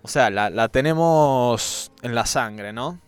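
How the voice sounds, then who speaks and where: A man's voice: mid-range voice, slow pace, smooth. Italian man speaking Spanish with an Argentine lilt. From Italy. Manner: relaxed, rambling, laughs easily. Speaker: podcast host. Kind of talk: casual interview chat.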